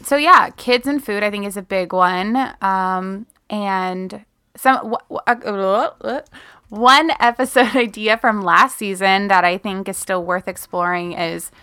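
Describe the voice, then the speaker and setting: A young woman co-hosts a casual podcast with an eager, excitable delivery. Her voice is bright and smooth, and the sound is dry and close. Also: mid-range voice, measured pace, no echo. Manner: eager, excitable, trails off and restarts. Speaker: podcast co-host. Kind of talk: casual chat.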